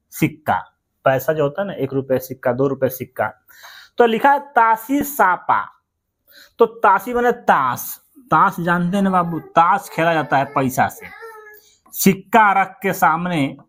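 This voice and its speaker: A man's voice: high-pitched, a bit bright. A man teaching memory tricks for a general-knowledge exam, chatty, asking questions and answering them himself. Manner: chatty, repeats words, asks and answers himself. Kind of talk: mnemonic exam-prep lesson.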